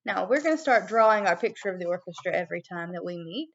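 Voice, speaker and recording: A woman giving a video music lesson to young children as their teacher, animated and prompting them with questions. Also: lowish voice, fast talker, gravelly, lo-fi sound, slight background noise.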